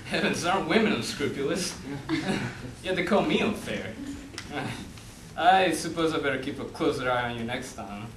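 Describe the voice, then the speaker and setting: Casting: young man as sardonic, gloating Death on stage; higher-set voice that swings widely, heard from afar. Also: lively intonation, moderate pace, natural voice. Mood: wry, boastful. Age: young adult. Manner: gloating, sardonic, laughs often. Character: Death, a mocking, theatrical, cunning male personification. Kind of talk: amateur stage play acting. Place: indoor theatre stage. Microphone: distant camera. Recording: echoey stage, distant camera mic, noisy.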